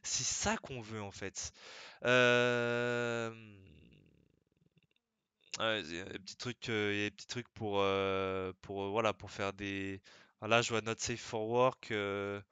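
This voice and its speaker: A man's voice: fairly low pitch, little pitch movement, takes it slowly, sharp tone, clean tone, dry recording. A young man streaming live, chatting casually in a rambling, slangy way that keeps interrupting itself.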